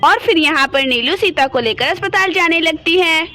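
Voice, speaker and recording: A woman narrating a homemade doll story in a plain, direct way and addressing her viewers as friends. Her voice is very high and bright. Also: moderate pace.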